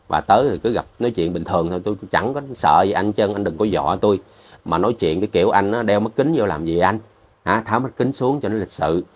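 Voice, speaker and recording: Low-voiced man ranting defensively in a vlog. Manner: defensive, repetitive, confrontational. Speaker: vlogger. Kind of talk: heated rebuttal vlog.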